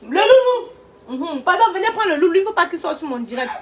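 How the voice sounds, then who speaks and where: Woman, high voice, animated livestream chat, phone mic, faint background noise. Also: fast talker. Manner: animated, calls out loudly, often laughing. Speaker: livestream host. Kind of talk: casual live chat.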